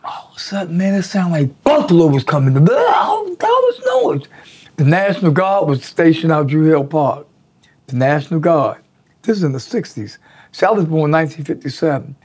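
Animated profane man in his sixties. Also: fairly high pitch, normal speed, husky. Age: 60s. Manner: animated, profane storyteller who acts out quotes. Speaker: interviewee. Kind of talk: casual storytelling interview. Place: indoor studio in front of a draped backdrop.

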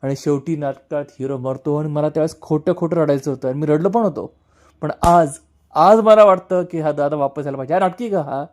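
A man's voice: fairly high pitch, a little fast, a little mellow, close to an everyday voice. A man voicing a grieving young man who begs his unconscious brother to wake up, pleading with his voice rising. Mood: tearful.

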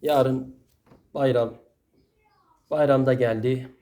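A man's voice: medium pitch, steady tone, takes it slowly, mellow. A man giving a Friday sermon in an earnest, admonishing way, full of rhetorical questions, with a Turkish accent. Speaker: preacher.

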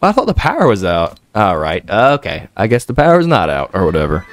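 A man's voice: fairly low pitch, wildly swooping pitch, a little fast, no echo. A man streaming a horror game with scared, jittery reactions, repeating himself and speaking in profane, slangy commentary.

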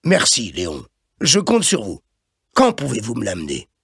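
A blustering, fussy office boss, as a male reader puts him on, scolding in a raised, lively voice that swings up and down. The tone is gravelly and husky, recorded close and dry for an audiobook. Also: medium pitch, no echo, heavily acted. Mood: bossy. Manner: chiding, repeats "hein", quick and emphatic.

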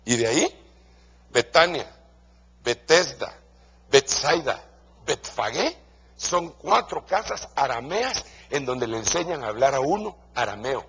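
A man's voice: mid-range voice, big pitch swings, measured pace, fairly bright tone, breathy edge, highs cut off. A man preaching a sermon to pastors in a Guatemalan Spanish accent, stressing his points by repeating key phrases.

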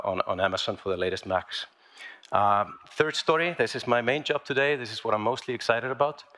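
A man from Iceland giving a conference talk about his inventions on stage in a large lecture hall, speaking haltingly with many fillers and restarts. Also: fairly low pitch, pushed and bright.

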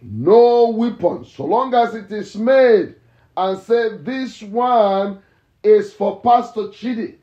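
High-voiced male pastor, slow drawn-out preaching, echoey dull recording. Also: expressive. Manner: fervent preaching with repetition, sudden shouts. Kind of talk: sermon and morning prayer.

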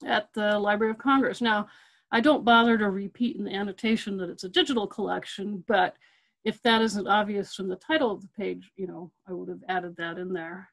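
The recording is rough as a middle-aged librarian with a medium-pitched voice presents a webinar using her computer's microphone. She talks casually and loosely, often using fillers and restarting sentences, and returns to her key points repeatedly.

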